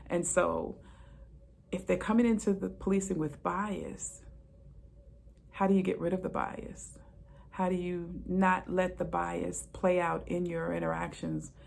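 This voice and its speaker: A woman's voice: fairly low pitch, creaky, slight background noise. A middle-aged woman, a retired police officer, telling stories in a casual monologue and repeating phrases for emphasis.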